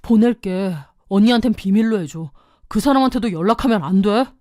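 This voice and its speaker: A woman's voice: medium pitch, a little fast, dark tone, dry recording, studio quality, lightly acted. A woman voicing a cornered middle-aged husband who pleads nervously. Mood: pleading.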